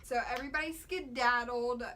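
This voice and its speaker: Young woman, American accent, bright sharp voice, animated slangy storytelling, casual vlog chat, noisy background. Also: fairly high pitch, fairly quick. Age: young adult. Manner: animated, slangy, quotes dialogue. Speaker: vlogger telling a story with a friend. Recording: clear background noise.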